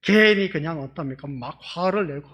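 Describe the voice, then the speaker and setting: A pastor giving a conversational sermon in a church, often asking the congregation rhetorical questions. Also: male voice, a little high, lively intonation, a little fast, a bit bright, slightly rough.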